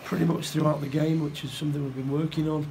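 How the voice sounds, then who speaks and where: A middle-aged football manager giving a post-match interview, plain-spoken and halting, often repeating his words. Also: on the high side, level tone, darkish tone, a little hiss or hum, poor audio. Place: indoor room by a stadium door.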